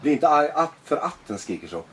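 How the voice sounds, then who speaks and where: A man being interviewed as a guest, talking in a blunt, animated, profane way. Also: on the high side, slight background noise. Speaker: guest, former extremist. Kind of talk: personal interview conversation.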